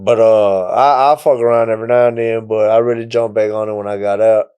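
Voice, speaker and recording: Smooth-voiced man, laid-back storyteller. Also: fairly low pitch, brisk. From Mexico. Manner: relaxed storytelling, frequent "you know what I'm saying". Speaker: rapper guest. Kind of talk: casual podcast interview.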